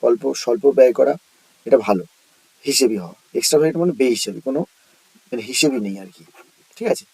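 A man's voice: medium pitch, lively intonation, quick pace, gravelly, pauses often, warm tone, husky, dry recording, low-quality recording. A man teaching an exam-prep vocabulary lesson, explaining word by word, repeating terms and answering his own questions.

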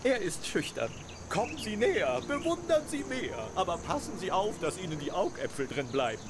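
A man's voice: sits high, sing-song, normal speed, background noise. A man voicing an eager male mouse merchant in an adventure game, with theatrical sales patter. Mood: showy, coaxing. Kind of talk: cartoonish adventure game acting.

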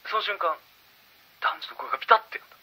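A man telling a true ghost story, swinging from hushed murmurs to loud bursts, with dramatic pauses and sound effects. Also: slight background noise, poor audio.

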